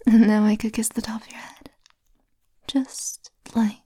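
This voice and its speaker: Woman, breathy close whisper, slow, flat even tone, dry intimate sound. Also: a little high, no room sound. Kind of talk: whispered ASMR roleplay.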